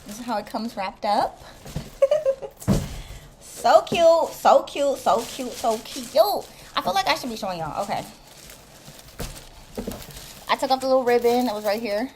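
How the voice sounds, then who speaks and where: Excited chatty woman with a lilt. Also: fairly high pitch, normal speed, long pauses, noisy background. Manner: excited, chatty, addresses viewers as y'all. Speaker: vlogger. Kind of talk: casual unboxing vlog.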